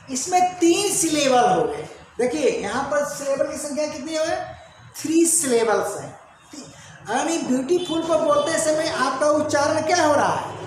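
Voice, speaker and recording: A woman teaching an English grammar lesson, drilling pronunciation with repeated quiz questions to her students. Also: high voice. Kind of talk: classroom-style grammar lesson. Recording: very echoey room, faint background noise.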